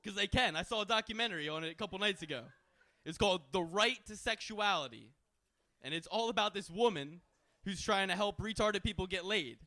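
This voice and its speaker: High, bright-voiced young man doing stand-up. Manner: crude, brash joking with the crowd. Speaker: stand-up comedian. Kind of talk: stand-up comedy set.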